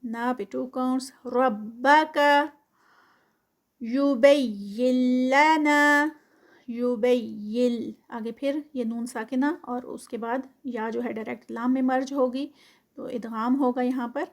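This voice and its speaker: High-voiced woman teaching tajweed. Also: fairly even intonation. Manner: slow drawn-out recitation alternating with quick explanation. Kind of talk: tajweed lesson, recites then explains.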